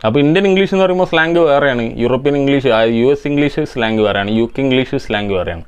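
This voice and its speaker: A man's voice: medium pitch, lively intonation, very fast, clear, resonant tone, muffled recording. A man from India hosting an electronics repair channel, answering viewer comments with methodical step-by-step technical explanations.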